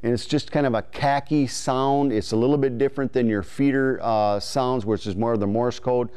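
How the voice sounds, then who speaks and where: A man in his forties with a clear, smooth voice, explaining step by step as an informal, folksy instructor on a lapel mic in a studio. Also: medium pitch, steady tone, moderate pace, darkish tone, slight background noise. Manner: folksy, informal, imitating call syllables as he explains. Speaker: duck calling instructor. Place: indoor studio in front of a green-screen backdrop.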